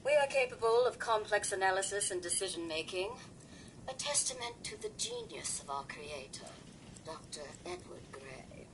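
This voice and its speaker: A woman's voice: medium pitch, sing-song, normal speed, noisy background. A woman voicing a gracious female robot farm supervisor in a video game, polished and calling everyone darling.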